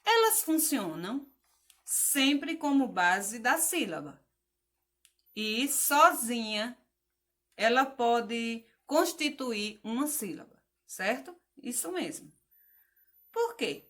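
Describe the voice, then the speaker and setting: A woman's voice: a little high, big pitch swings, slow, a bit bright. A woman teacher giving a patient phonics lesson to children, spelling out letters, asking questions and praising the answers.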